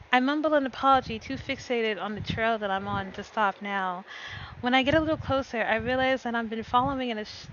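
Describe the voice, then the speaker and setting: A woman streamer narrating a visual novel in first person, reading in a lively way and often stumbling and correcting herself. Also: a little high, moderate pace. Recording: slightly dull with faint noise.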